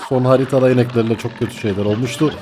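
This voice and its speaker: A young man commentating his gameplay, excitable and jokey, swinging from mock panic to laughter. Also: medium pitch, rapid-fire, a little hiss or hum. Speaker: gaming YouTuber.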